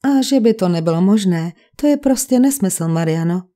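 A woman's voice: mid-range voice, lively intonation, mellow, lightly acted. A woman reading the part of a fussy English village vicar who speaks in a precise, cold and sarcastic way.

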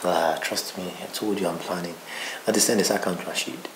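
A man's voice: deep voice, fairly even intonation, a little fast, background noise, natural voice. An actor playing a scheming young man who mixes Yoruba and English. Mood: soft, smooth. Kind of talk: Nollywood film acting.

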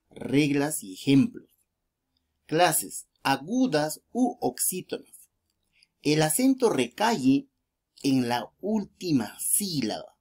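A woman teacher talks children through a grammar lesson in a recorded class. She speaks slowly and carefully, laying out each rule before reading its examples. Her voice is low but moves widely up and down. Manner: slow, deliberate, lively pitch, spells out examples. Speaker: primary school teacher.

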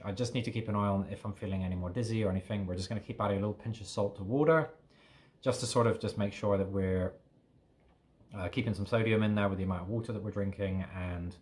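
Young british guy with a lowish voice rambling through his vlog at home, keeps correcting himself. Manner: chatty, rambling, self-correcting. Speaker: fitness vlogger. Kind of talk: casual video diary.

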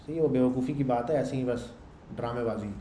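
This programming instructor has a medium-pitched, dark-toned voice and speaks briskly. His lecture is casual and conversational, punctuated by check-ins such as "samjh rahe ho" and "theek hai," recorded in an echoey space with a low hum.

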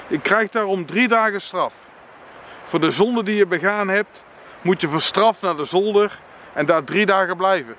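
Dutch male reader, higher voice, earnest, faint traffic behind. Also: fairly bright tone. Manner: slow earnest reading, stumbles and self-corrects. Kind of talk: reading a book passage aloud with personal reflection.

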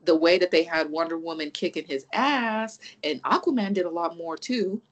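A podcast co-host in casual chat, animated and profane, rambling through restarts and acting out reactions. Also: mid-range voice, normal speed, low-quality recording.

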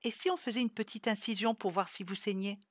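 A woman's voice: medium pitch, fairly even intonation, fast, no room sound, studio quality, natural voice. A woman reading the lines of a rebellious teenage girl, murmured and matter-of-fact. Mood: curious.

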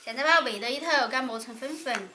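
A woman's voice: fairly high pitch, fast, noisy background. A young woman speaking in Sichuan dialect, casually chatting through a cooking demonstration as a vlog host in an open-air village kitchen. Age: young adult.

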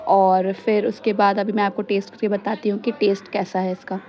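Filming herself on a phone at arm's length, a young woman reviews food casually and chats through each dish while tasting it. Her medium-pitched voice is level and brisk, the recording muffled, and the setting moves between a small indoor restaurant and the street outside its entrance.

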